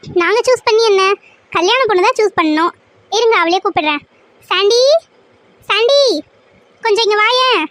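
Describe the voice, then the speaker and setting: A woman's voice: very high voice, moderate pace, pauses often, fairly bright tone, dry recording. A woman voicing a boastful, fussy middle-aged aunt arranging a wedding in a cartoon serial.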